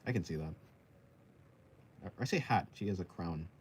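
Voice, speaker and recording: A deep, expressive male voice at a moderate pace, with a slight background noise, belongs to an art streamer in his twenties. He draws live and chats casually, reading viewers' comments out and responding to them.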